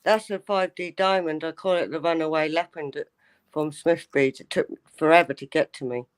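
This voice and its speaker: A man's voice: on the high side, steady tone, normal speed, smooth. A man chatting casually in an informal, self-deprecating way. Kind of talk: casual chat.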